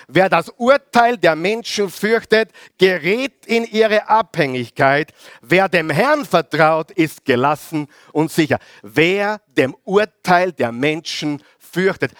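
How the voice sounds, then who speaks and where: A man's voice: sits high, fairly bright tone, no echo, studio quality. A middle-aged man with an Austrian accent preaching a sermon as pastor, leading the congregation through call-and-response readings.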